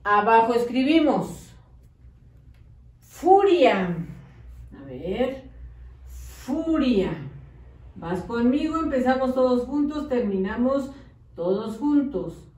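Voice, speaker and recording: A woman teaching a slow early-literacy lesson, drawing out syllables and coaxing children to follow along. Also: fairly high pitch, very animated, a little mellow. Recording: echoey room, mic at a distance.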